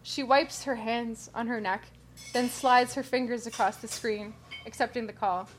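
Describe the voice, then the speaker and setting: A woman reading a story in a measured, even narration. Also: a little high, a little hiss or hum. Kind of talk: scripted narration.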